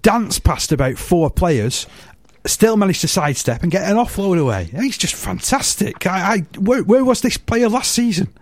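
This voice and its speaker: A man co-hosts a casual sports chat, lively and teasing. His voice sits a little high for a man. The recording is dry and close. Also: moderate pace, dry recording. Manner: animated, teasing. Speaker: podcast co-host.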